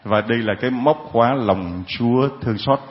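A man preaching a sermon, his voice at an ordinary middle pitch and captured with a slightly dull, lo-fi quality. He talks in a jovial, teasing way, joking with the congregation as he goes. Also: brisk. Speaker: priest.

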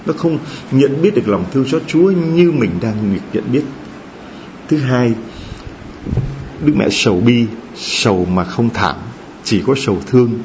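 A male priest delivers a sermon with a very lively, swooping pitch, rising high for emphasis and dropping low and soft. He throws rhetorical questions at his listeners. The recording is slightly dull, with a faint hiss behind it. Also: a little slow. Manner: animated preaching with rhetorical questions and acted-out quotes.

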